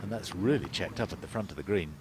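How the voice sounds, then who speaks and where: A man's voice: low-pitched, expressive, fast talker, noisy background. A man giving live golf commentary as the co-commentator, analysing play in a conversational way.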